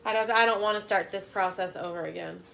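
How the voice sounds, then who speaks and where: Gravelly-voiced teasing wife on a livestream. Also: female voice, mid-range voice, fast, crowd noise. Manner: teasing, laughs often. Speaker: co-host, wife. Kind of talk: casual livestream chat.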